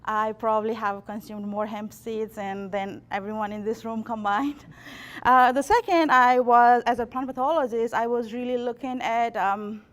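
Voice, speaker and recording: A woman's voice: a little high, fairly even intonation, normal speed. A woman, an extension plant pathologist from Nepal giving a workshop talk with dry self-deprecating humor and frequent restarts. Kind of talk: workshop presentation.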